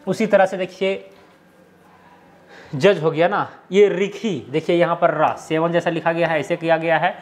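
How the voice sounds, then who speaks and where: A man's voice: a little high, steady tone, measured pace. A man explaining a script lesson step by step, often checking in with the viewer. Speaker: teacher.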